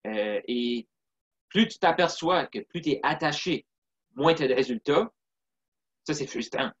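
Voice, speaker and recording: A man's voice: a little high, expressive, a little slow. A man with a Québécois French accent, speaking reflectively and earnestly as an interview guest, often saying "tu sais" and "puis". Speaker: interview guest, sales closer. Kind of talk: casual interview talk. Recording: slightly dull lo-fi sound.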